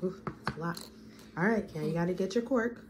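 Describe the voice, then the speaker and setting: Gentle low-voiced mom guiding a craft. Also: female voice, fairly quick, noisy background. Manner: gentle, coaxing, guiding step by step. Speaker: mother making a craft with her child. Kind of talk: casual family vlog chat.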